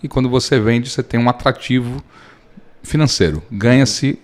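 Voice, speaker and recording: A Brazilian man in his thirties, a lawyer, explaining his work at length with everyday examples in a relaxed podcast interview. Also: medium pitch, moderate pace. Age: 30s. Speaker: lawyer and guest.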